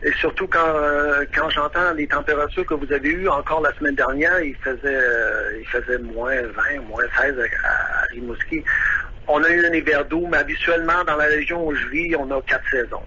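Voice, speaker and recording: A nervous guest musician from Quebec who lives abroad speaks hesitantly in a radio interview, using many fillers as he hunts for words in his Quebec French accent. His voice is slightly high, bright, forceful, and husky at a moderate pace, and the audio sounds dull.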